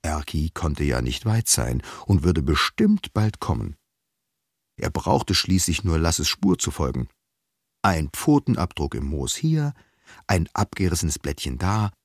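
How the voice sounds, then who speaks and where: A man reading a children's audiobook aloud, with lively, expressive storytelling. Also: very deep voice, unhurried, no room sound, clean studio sound. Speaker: audiobook reader.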